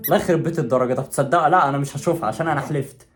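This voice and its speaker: A man's voice: a little high, rapid-fire. A young man with an Egyptian Arabic accent hosting a casual prank vlog at home, teasing his sister with mock anger. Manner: teasing, animated, swings from mock anger to laughter.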